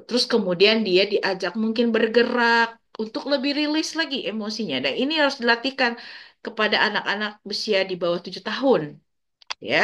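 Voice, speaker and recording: A woman speaking gently to parents in a parenting class, explaining step by step and acting out sample phrases for children. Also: medium pitch. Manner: frequent filler tags like "gitu ya". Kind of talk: informal parenting talk to parents.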